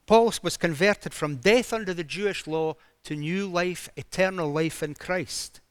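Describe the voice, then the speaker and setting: Guy preaching, pretty high voice, dramatic storytelling, dry close sound. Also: unhurried, no room sound. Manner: dramatic storytelling with emphatic rises. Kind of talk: sermon.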